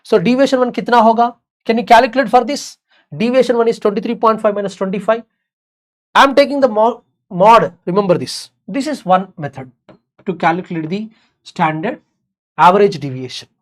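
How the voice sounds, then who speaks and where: Speaking a little fast in a mid-range voice, an Indian-accented teacher runs through exam revision in mixed Hindi and English. Key points get repeated, and she keeps checking that everyone understands.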